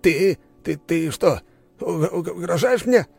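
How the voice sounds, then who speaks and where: A man's voice: a little high, expressive, slow pace, creaky, breathy edge, faint music behind, voice pushed up, heavily acted. A man voicing an arrogant, hysterical male aristocrat who screams and stammers in accusation. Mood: shrieking rage.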